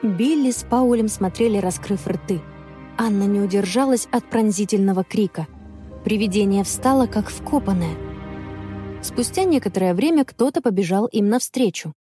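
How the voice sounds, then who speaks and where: A woman telling a children's story in measured, expressive audiobook narration. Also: medium pitch, faint music behind.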